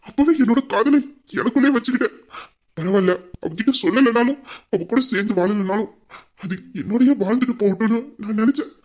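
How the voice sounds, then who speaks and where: A woman voicing a possessive young man who calls himself king, in an audio romance drama, talking intensely and dropping low to threaten. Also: a little mellow, natural voice. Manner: intense, lowers voice to menace.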